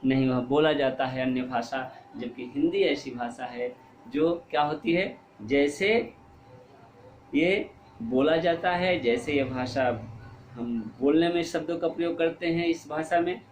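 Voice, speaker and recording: A man teaching a Hindi grammar lesson to young pupils. He keeps asking questions and answering them himself, repeats key words and draws out the example sounds slowly. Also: a little high. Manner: slow, drawn-out stress on example words. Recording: echoey room with faint ambient noise.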